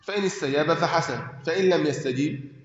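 Teaching from a hadith book, an Egyptian-accented sheikh speaks a little high and fast, with slight background noise. He asks questions and answers them himself, making sure his listeners keep up, and the echoey hall gives a dull, lo-fi sound.

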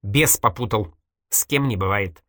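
A reader voicing a sharp-tongued, stubborn young woman in an audiobook, reproachful and needling, with a dry close sound. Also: very deep voice, big pitch swings, normal speed, no room sound, voice pushed up, full character voice. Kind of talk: audiobook character voice.

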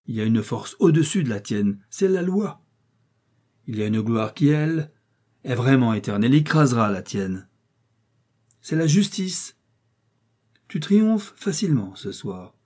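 A man voicing a brave detective who defies his captors in ringing, declamatory speech in an audiobook reading. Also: warm tone. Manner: ringing, declamatory, raised pitch. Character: defiant male detective, brave, indignant.

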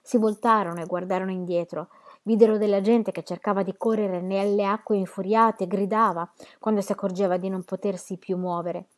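Casting note: woman narrator for a literary audiobook, steady and dramatic, mid-pitched. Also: brisk. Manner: steady, dramatic novel reading. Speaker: reader.

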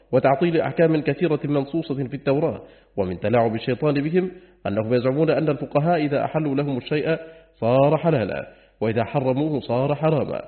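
Fast-reading man, tinny phone-like sound. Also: mid-range voice. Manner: steady, formal reading voice. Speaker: audiobook reader. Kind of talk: formal reading of a classical book.

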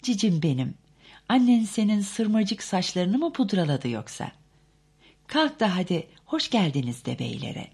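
A woman's voice: medium pitch, sing-song, measured pace, darkish tone, breathy edge, pitched above the performer's own voice, heavily acted. A woman voicing a flighty rich young mother who coos and fusses, in an audiobook. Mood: cooing. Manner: cooing, affected.

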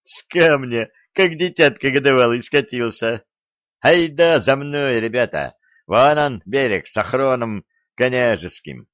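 A man voicing a cheerful, boastful young soldier who mocks loudly. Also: mid-range voice, a little slow, dry recording, pitched above the performer's own voice, close to an everyday voice. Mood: mocking. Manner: mocking, loud.

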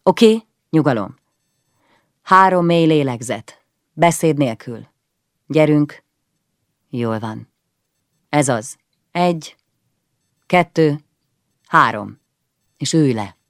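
A woman voicing a practical, no-nonsense middle-aged husband who talks calmly and gives clear instructions, with a creaky edge. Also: low-pitched, pauses often, dry recording, clean studio sound. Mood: calming, practical.

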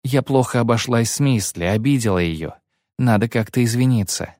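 A man's voice: medium pitch, normal speed, a little mellow, dry recording, clean studio sound, natural voice. A man voicing a cold young female outlaw with a hissing, contemptuous manner. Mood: brooding.

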